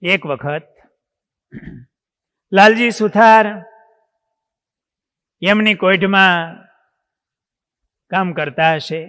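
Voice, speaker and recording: High, bright-voiced male monk preacher. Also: extremely slow, pauses often, clean tone. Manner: dramatic, swings in loudness. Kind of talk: devotional storytelling sermon. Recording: long hall reverb.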